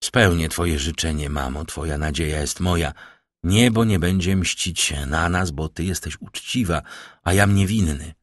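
A man's voice: low voice, moderate pace, dry recording. A man voicing a proud, determined young nobleman in an audiobook, speaking firmly and earnestly. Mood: earnest resolve.

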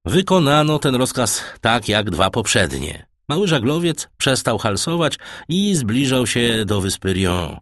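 A man giving measured scripted narration of an audiobook. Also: mid-range voice, big pitch swings, a bit bright, no echo, studio quality.

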